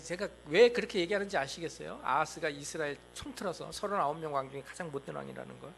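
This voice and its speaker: Pastor guy giving a sermon, high pitched voice, bright and sharp, really animated. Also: vocal fry, a little hiss or hum. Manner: animated, acts out God and the king in quoted lines. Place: church sanctuary.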